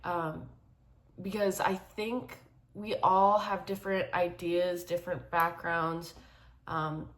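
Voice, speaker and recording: A woman in her twenties, a film student, speaking thoughtfully with frequent pauses and fillers. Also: lowish voice, level tone. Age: 20s. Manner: thoughtful, hesitant, with many fillers. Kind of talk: casual self-introduction.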